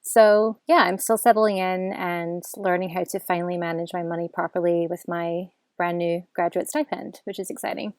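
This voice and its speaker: Gravelly Glaswegian woman in her twenties. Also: lowish voice, moderate pace, hardly any pauses, dry recording, studio quality. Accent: Scottish, Glasgow. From Scotland. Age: 20s. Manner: relaxed, chatty, with fillers. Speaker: podcast guest, PhD student. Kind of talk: casual interview answers.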